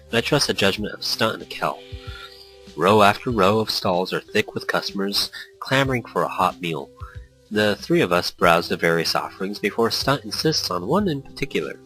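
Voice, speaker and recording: A low-pitched man with a sharp tone, heard through poor audio, hosts a let's play by reading a visual novel aloud. He blends casual commentary with quoted character lines, joking, laughing often, and stumbling before correcting himself.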